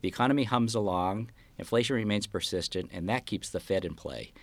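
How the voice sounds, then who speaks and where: A man giving analytical market outlook commentary in an interview, explaining his views in a measured way as a guest strategist. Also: lowish voice, no echo.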